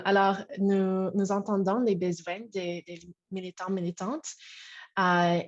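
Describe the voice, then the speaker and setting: Low-voiced woman presenting on a muffled call. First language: English. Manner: halting and searching when speaking French. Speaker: co-director of an activist hub, event co-host. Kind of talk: bilingual presentation at an online event. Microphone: video call. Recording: dull, lo-fi video call audio.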